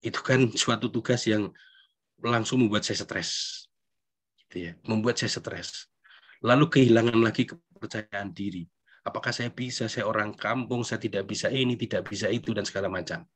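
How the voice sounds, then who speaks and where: Relaxed middle-aged Indonesian priest. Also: male voice, fairly low pitch, moderate pace, breathy edge. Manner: conversational, self-deprecating, tag questions. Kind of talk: recollection talk. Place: church hall.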